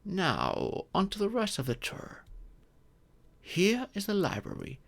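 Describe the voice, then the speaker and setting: In a scripted audio roleplay monologue, a man acts as a gentle old dragon in humanoid form. He speaks slowly with a creaky edge, his pitch swooping wildly in a full character voice. His formal, patient explanations sound warm, like those of a doting parent.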